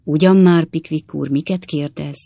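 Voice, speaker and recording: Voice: mid-range voice, fairly even intonation, creaky, mellow, no echo. A reader voicing an eager, fluttering middle-aged widowed landlady in an audiobook. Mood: flustered.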